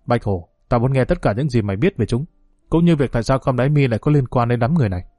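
A menacing middle-aged gang boss growls through his teeth, as a male narrator plays him. His voice is dark and mellow and close to the mic. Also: mid-range voice, fast talker, no room sound, faint music behind, natural voice. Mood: furious.

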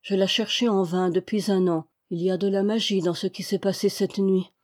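A woman reading aloud, voicing a gentle young male captain who speaks in a slow, measured way. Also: mid-range voice, fairly even intonation, close to an everyday voice. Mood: calm.

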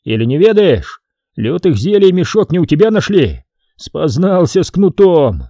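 A man's voice: fairly high pitch, big pitch swings, normal speed, dark tone, no echo, studio quality, pitched above the performer's own voice. A man voicing a harsh, commanding nobleman who scolds a prisoner. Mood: stern. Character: stern angry male boyar, a nobleman.

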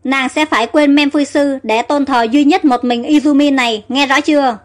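Storybook prince, scheming and proud, read by a woman, high voice. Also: fairly even intonation, moderate pace, soft background music, lightly acted. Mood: gloating. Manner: mocking, self-assured.

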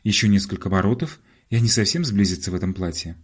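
A man's voice: low voice, lively intonation, fast talker, husky. A man voicing a witty, sardonic young man with a dry, mocking manner in an audiobook.

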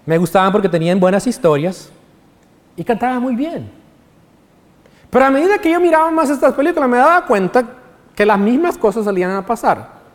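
A man's voice: extremely high pitch, very animated, a little fast, long pauses, long reverb tail. A man preaching a sermon in as pastor, explaining scripture point by point. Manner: preaching with sung quotes of songs.

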